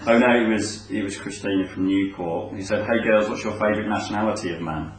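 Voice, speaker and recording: A man's voice: lowish voice, fast. A man hosting a webcast who reads out fan questions hesitantly, with many ums and uhs. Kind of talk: interview. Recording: echoey room from far off.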